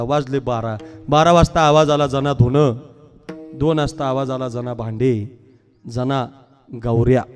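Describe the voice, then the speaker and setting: A man giving a devotional sermon, telling stories in a shifting voice from quiet asides to loud calls and breaking into slow song. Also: fairly high pitch. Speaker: kirtan preacher. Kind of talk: devotional sermon with sung verses. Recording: long hall reverb, faint music.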